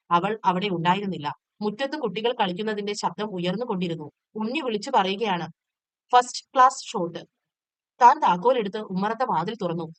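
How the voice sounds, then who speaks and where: A woman tutor reading a textbook short story aloud in a steady, measured storytelling way. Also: medium pitch, dry recording.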